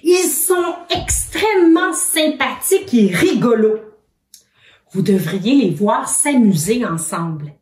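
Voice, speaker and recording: A woman's voice: a little high, expressive, slow, a little mellow, recorded from a distance. A woman with a Québécois accent who teaches young children, patient and encouraging, asking many questions. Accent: Québécois French. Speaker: children's educator. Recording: roomy echoing room.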